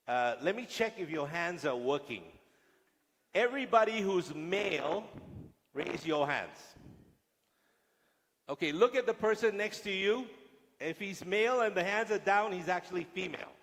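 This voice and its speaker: A man's voice: sits high, animated, a little slow, long pauses, fairly bright tone. A male guest lecturer speaking to police officers in a large lecture hall, joking with and teasing the audience. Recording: long hall reverb.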